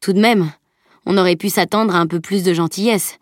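A woman's voice: on the low side, steady tone, fairly quick, no echo, close to an everyday voice. Woman doing an uneasy cop guy in an audiobook, friendly-ish, lifts her voice up for him, dry close sound. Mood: probing. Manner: falsely friendly, slightly uneasy. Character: middle-aged male police inspector, awkward.

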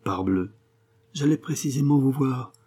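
A man's voice: mid-range voice, expressive, a little slow, warm tone, voice pushed up. A man reading aloud, voicing a sarcastic, worldly middle-aged writer who lectures in a mocking tone.

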